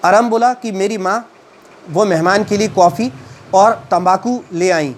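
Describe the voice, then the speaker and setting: A man teaching a story: he reads English lines slowly, then retells and explains them at a halting pace with many fillers. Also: high-pitched, slight background noise.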